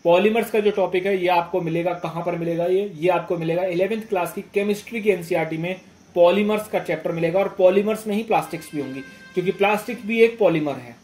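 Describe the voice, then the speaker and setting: Faint music plays behind a male teacher whose high-pitched voice has a darkish tone and a brisk pace. He gives informal exam guidance in an echoey room, instructive and repetitive, often checking that listeners follow.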